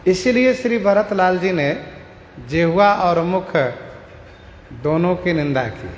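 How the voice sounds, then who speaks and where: A man giving a devotional scripture discourse, explaining verses slowly and repeating lines for emphasis. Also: high voice, animated. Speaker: scripture expounder. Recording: echoey hall with long reverb and faint noise.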